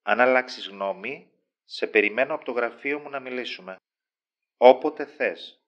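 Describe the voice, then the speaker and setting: An actor playing a manipulative male boss who speaks in a smooth, persuasive way. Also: mid-range voice, close to an everyday voice. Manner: silky and persuasive. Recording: dull lo-fi sound.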